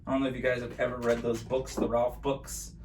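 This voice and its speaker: A man's voice: mid-range voice, little pitch movement, brisk, darkish tone. A man talking like a kids party magician, playful and chatty as he presents a live magic show and addresses viewers as guys. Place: at home in an apartment. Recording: distant mic, noisy room ambience.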